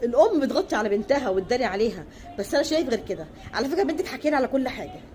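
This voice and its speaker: A woman's voice: on the high side, very animated, rapid-fire, dark tone. An Egyptian woman voicing a stern, self-righteous husband who lectures firmly. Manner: firm, lecturing.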